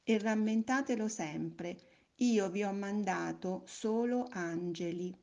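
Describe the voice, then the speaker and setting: A woman doing a soft, serene God. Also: mid-range voice, creaky. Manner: slow, soft, solemn. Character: gentle, serene male God. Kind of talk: storybook reading.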